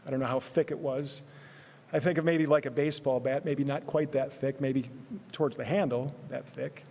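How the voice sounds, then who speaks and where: A man preaching a sermon in an earnest way, repeating words, moving between loud emphasis and hushed, quiet phrases. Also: medium pitch, steady tone, moderate pace, vocal fry. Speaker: pastor. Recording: long hall reverb.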